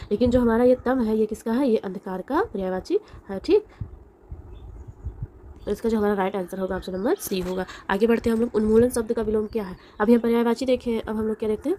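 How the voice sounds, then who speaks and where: A young woman teaching an exam-prep lesson, explaining step by step and often pausing to check with a quick "okay". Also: mid-range voice, darkish tone, slight background noise.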